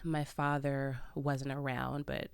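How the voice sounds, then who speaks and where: A Chicago woman with an extremely low, flat voice speaks slowly, with vocal fry and a smooth tone. As a podcast guest in a candid personal interview, she's reflective and open, often laughing lightly through difficult topics. The studio sound is clean with no room.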